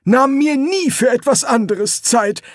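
Proud old explorer guy, naive and earnest, high voice put on by a male reader. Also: lively intonation, measured pace, no room sound, studio quality. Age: older. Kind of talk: audiobook character voice.

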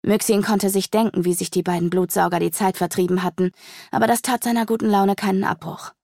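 A woman narrating a dark fantasy audiobook in a measured storytelling manner, slowing down for the tense moments. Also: mid-range voice, steady tone, gravelly, no echo, clean studio sound. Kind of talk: dramatic fantasy audiobook reading.

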